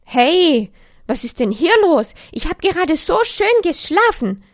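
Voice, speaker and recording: A woman voicing a loud, grumpy little creature of anger in a bedtime story, grumbling and complaining. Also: high-pitched, very animated, measured pace, no echo, studio quality, voice pushed up. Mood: annoyed.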